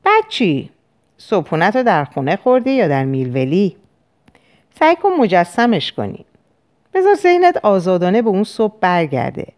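A woman voicing a calm male psychiatrist who gently coaxes and questions his patient. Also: medium pitch. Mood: coaxing.

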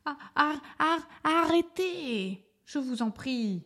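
A woman's voice: high voice, expressive, takes it slowly, a bit bright, pitched above the performer's own voice, heavily acted. A woman voicing a timid letter A who stammers and pleads, in a storybook. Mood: pleading. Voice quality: stutter.

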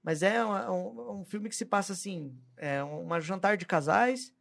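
A woman, hosting a casual chat in a relaxed, chatty way. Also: medium pitch, unhurried, creaky.

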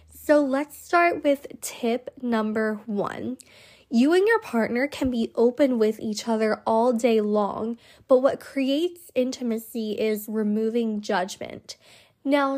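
A woman hosting a solo self-help podcast in a measured, emphatic way, her voice nasal and slightly congested from a cold. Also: a little high, a little mellow. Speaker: podcast host.

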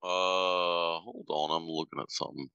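A man's voice: low voice, fairly even intonation, normal speed, bright, forceful tone, smooth, dry recording, dull audio. A man co-hosting a podcast with casual banter, joking and crude in loose slang. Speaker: podcast co-host.

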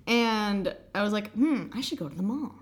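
A woman's voice: mid-range voice, animated, moderate pace. A woman co-hosting a podcast in casual chat, telling rambling, profane stories. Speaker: podcast co-host.

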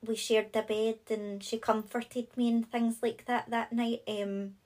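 A woman's voice: on the high side, flat delivery, unhurried, a little mellow, rough recording. A woman hosting a podcast, talking in a friendly, casual way with lots of short agreeing replies. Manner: friendly, with many short back-channel replies. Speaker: podcast host.

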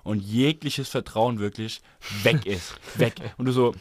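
A man chatting casually as podcast co-host, complaining with excited, slangy exaggeration. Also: medium pitch, unhurried, dry recording. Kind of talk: casual chat.

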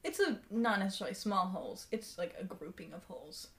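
A woman's voice: mid-range voice, expressive, brisk, a bit bright, slight background noise. A woman co-hosting a podcast, talking in a casual group-chat style. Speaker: podcast co-host.

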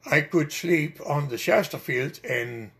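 A man's voice: a little high, slow pace, creaky, fairly bright tone. An older man with a Dutch accent, telling long rambling stories with many hesitations in an oral history interview. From Netherlands.

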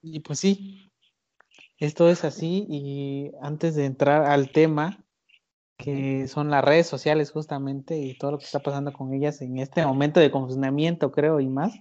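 A man's voice: on the high side, steady tone, a little slow, a little mellow. A man with a Mexican Spanish accent hosting a casual podcast chat, talking loosely with many fillers. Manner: chatty, hesitant fillers, laughs often. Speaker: podcast host. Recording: lo-fi recording.

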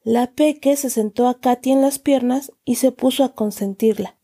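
A woman reading a children's story aloud in calm storybook narration, acting out the dialogue. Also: on the high side, moderate pace.

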